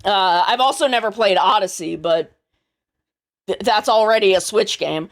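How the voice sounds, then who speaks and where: A woman's voice: mid-range voice, moderate pace. A woman streamer chatting casually on a live stream, rambling and thinking aloud, swearing now and then.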